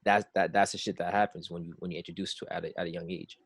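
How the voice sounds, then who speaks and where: Halting, frank young man, dry sound. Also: low voice, level tone, slightly rough, no room sound. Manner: halting and frank, full of restarts and fillers. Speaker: podcast co-host. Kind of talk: casual chat.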